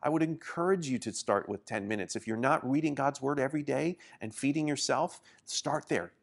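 Speaking a little fast in a creaky mid-range voice, a pastor in his forties who grew up in Indonesia teaches a sermon to camera from a small studio. He comes across as earnest and encouraging, with frequent restarts.

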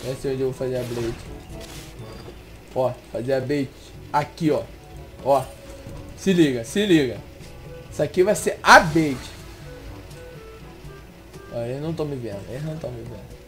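A young man gives gameplay commentary. He is excitable and swings from muttering to shouted outbursts. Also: mid-range voice, normal speed, pauses often, soft background music. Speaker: gaming video host.

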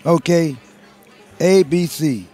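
A man, loud and profane, taunting in a sing-song way during a street interview. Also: fairly high pitch, slow pace, faint music behind, some chatter behind. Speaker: passerby being interviewed.

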